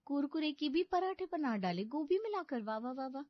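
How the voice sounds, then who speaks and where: A woman's voice: high voice, animated, brisk, no room sound, muffled recording. A woman voicing a naive, dim-witted young bride who talks innocently and sweetly in a cartoon story. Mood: musing.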